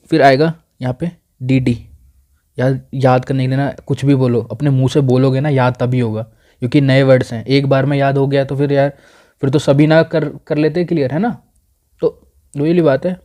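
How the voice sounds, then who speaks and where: A young man teaches at a whiteboard with a mellow, dark voice. He drills place names again and again and keeps prodding his students to repeat them aloud. His delivery is informal and coaxing. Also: mid-range voice. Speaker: exam coaching teacher. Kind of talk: whiteboard lesson. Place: indoors at a whiteboard.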